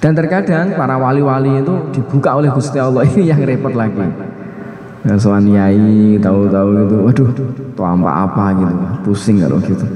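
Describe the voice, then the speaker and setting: Mellow-voiced preacher in an echoey hall. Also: male voice, mid-range voice, normal speed. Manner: conversational, repetitive preaching with colloquial asides. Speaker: religious teacher. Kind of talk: casual Islamic study sermon. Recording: echoey hall with long reverb.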